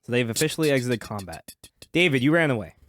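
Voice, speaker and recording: A man narrating as game master, relaxed, laughing often and repeating words as he goes. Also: mid-range voice, quick pace, dry recording, clean studio sound.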